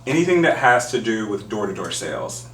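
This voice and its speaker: A man's voice: fairly low pitch, very animated, fairly quick, a bit bright, distant mic. Playful man asking teasing questions. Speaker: podcast co-host. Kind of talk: casual chat. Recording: roomy, off-mic, faint hum.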